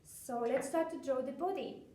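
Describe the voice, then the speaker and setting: High sing-song woman, children's craft presenter. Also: moderate pace. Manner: bright, sing-song children's-entertainer delivery with simple encouraging phrases. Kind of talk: step-by-step craft demonstration for young children. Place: indoor craft room, seated at a table. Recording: echoey room, distant mic, background noise.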